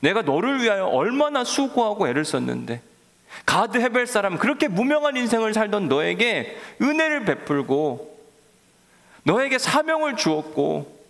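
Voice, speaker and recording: Pastor voicing a pained, pleading God, high and gravelly, reverb-heavy. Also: male voice, a bit bright, exaggerated voice. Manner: pleading, reproachful questions. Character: grieved male God reproaching his prophet.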